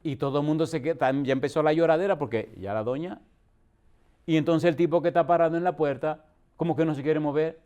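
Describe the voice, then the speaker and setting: A man's voice: fairly high pitch, fast, dark tone, clean tone. A middle-aged male pastor from the Dominican Republic, preaching a storytelling sermon with rhetorical questions and acted-out dialogue.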